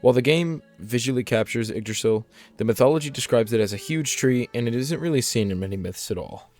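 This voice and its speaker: A man's voice: mid-range voice, expressive, fairly quick, a little mellow, faint music behind. A man delivering scripted explainer narration as the narrator of a video essay.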